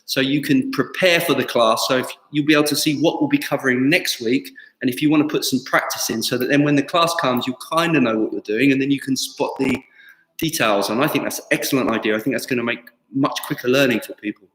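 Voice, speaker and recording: With a mid-range voice and a fairly bright tone, a fast-talking tai chi teacher in his fifties addresses online students in a relaxed, conversational way. He's in an indoor martial arts studio floored with wood, where the hall echoes and faint background music plays.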